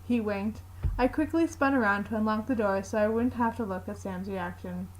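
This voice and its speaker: A woman's voice: mid-range voice, normal speed, a little hiss or hum, rough recording. Woman reading a fan story. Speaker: narrator. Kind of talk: reading fanfiction aloud.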